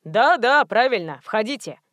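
A woman's voice: expressive, moderate pace, fairly bright tone, dry recording, clean studio sound. A woman doing a fawning male estate manager. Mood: obsequious. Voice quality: obsequious baritone, old-fashioned courtesy. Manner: flustered, bleating when pressed. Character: fussy, overly polite middle-aged male estate manager.

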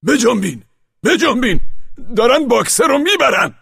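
A man voicing a frantic old male donkey in an audiobook, with a raspy, gravelly voice and shrill alarmed shouting. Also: sing-song, no echo, clean studio sound, full character voice. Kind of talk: audiobook character voice.

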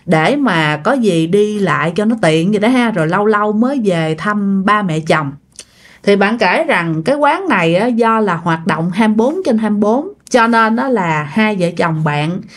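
A woman with a Southern Vietnamese accent, telling a ghost story in a chatty way and speaking straight to her listeners. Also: medium pitch. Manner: chatty, talks straight to listeners with drawn-out particles. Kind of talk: casual storytelling narration.

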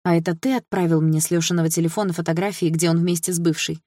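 A man's voice: fairly high pitch, flat delivery, fast talker, dry recording, clean studio sound, close to an everyday voice. A man voicing a fiery young woman in an audiobook. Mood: sullen. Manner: sharp, indignant outbursts.

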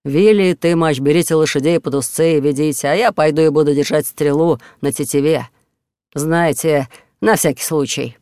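A man's voice: on the high side, normal speed, darkish tone, clean tone, no echo, studio quality, lightly acted. A man voicing a big, cocky outlaw who mocks and threatens. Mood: cheerful. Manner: sarcastic, threatening. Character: big bold mocking male outlaw.

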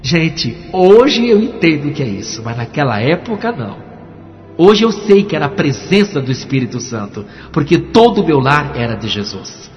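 A man's voice: a little high, big pitch swings, moderate pace, soft background music. A pastor giving a dramatic testimony sermon, acting out the voices in his story. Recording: dull recording with long hall reverb.

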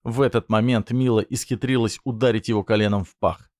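A man narrating a story in a steady, even reading voice. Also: fairly low pitch, brisk, no room sound, clean studio sound.

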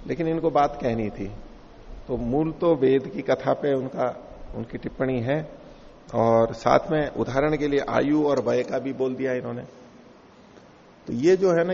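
A man teaching a scripture class, explaining terms patiently with a gravelly voice. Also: medium pitch, a little mellow, slight background noise. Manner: explanatory, laughs along with class. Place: lecture hall. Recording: echoey lo-fi hall recording.

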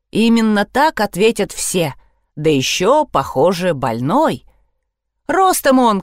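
Woman audiobook narrator, animated delivery, dry close sound. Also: no echo. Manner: lively, voices characters with raised pitch.

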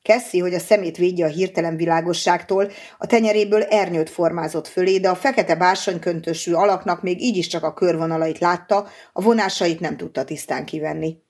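A woman narrating a novel in a measured, steady audiobook reading. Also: fairly low pitch.

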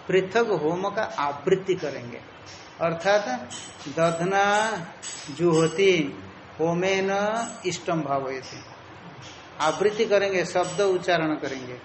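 A man with a high voice lectures on Sanskrit philosophy, going patiently step by step and circling back to repeat each key term. The room is echoey and reverberant, with a faint hum of background ambience. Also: unhurried, long pauses. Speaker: Sanskrit teacher.

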